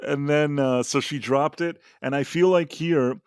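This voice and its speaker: A man's voice: on the high side, fairly even intonation, a little slow, clean tone, no room sound, studio quality. A man co-hosting a pop culture talk stream, giving blunt, rambling opinions with many restarts and fillers. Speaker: podcast co-host. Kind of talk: casual opinionated chat.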